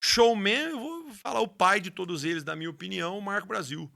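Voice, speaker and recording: A man's voice: high voice, fairly quick, gravelly, pushed and bright. A man, a rodeo announcer and horse trainer telling his story with passion in an interview, often restarting his words. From Brazil. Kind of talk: interview conversation.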